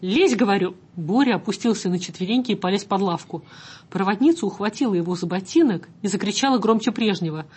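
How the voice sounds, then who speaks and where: A woman narrating a story aloud in an even, measured way. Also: medium pitch, slightly rough. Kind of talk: audiobook story reading.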